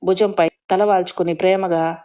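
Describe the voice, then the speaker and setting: A woman narrates a family drama serial in a steady, emotive read. Her voice is low-pitched with a warm, dark, mellow tone. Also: normal speed. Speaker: storyteller. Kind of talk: scripted story narration.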